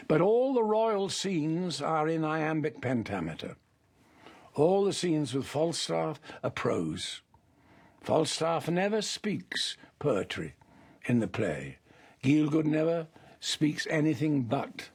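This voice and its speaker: A man's voice: a little high, darkish tone, breathy edge. An older man, an actor interviewed about his past work, telling anecdotes in a reflective way. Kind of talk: reminiscing interview.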